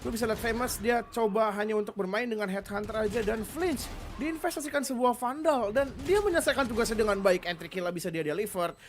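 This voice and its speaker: A woman's voice: fairly high pitch, fast, hardly any pauses, faint music behind. A woman with an Indonesian accent giving casual analytical esports commentary, slangy and peppered with English gaming terms.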